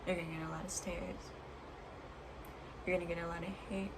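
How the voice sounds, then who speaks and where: A woman speaking as a vlogger in a reflective personal monologue, earnest and halting, pausing between short phrases. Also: lowish voice, level tone. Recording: clear background noise.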